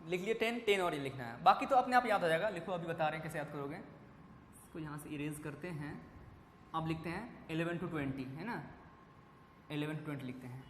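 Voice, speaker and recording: A man with a fairly high voice runs a classroom lecture, calling out questions and answering them for his students. His voice rings through a big hall with a long echo. Faint room noise sits behind him. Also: a little fast, fairly bright tone. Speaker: chemistry teacher. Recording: echoey classroom with faint ambience.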